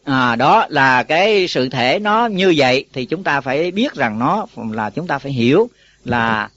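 A man's voice: mid-range voice, animated, unhurried, fairly bright tone, no echo. A man, a Buddhist monk teacher giving a folksy dharma talk to monks, often asking them questions. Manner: folksy, asks listeners questions. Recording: dull lo-fi recording.

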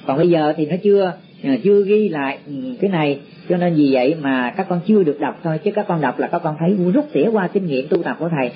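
A man giving a Buddhist dharma talk to disciples. He teaches slowly and repeats words as he searches for them. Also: a little high. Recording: muffled lo-fi recording with faint background noise.

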